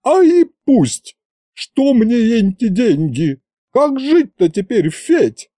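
A man voicing a brash, indignant older woman who shouts in folksy dialect speech. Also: extremely high pitch, very animated, slow pace, dry recording, studio quality, pitched above the performer's own voice, exaggerated voice.

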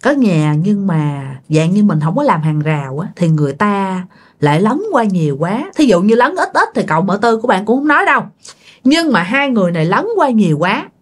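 Woman storyteller, Southern Vietnamese accent, chatty and animated, mid pitch. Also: brisk, breathy edge. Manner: chatty, animated, talks straight to listeners. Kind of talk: casual spoken storytelling.

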